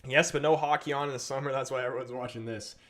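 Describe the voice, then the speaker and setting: A fast-talking livestream host from England, with an English accent, chats casually through a football match and reads comments from viewers. His voice is medium in pitch, steady in tone, and fairly bright.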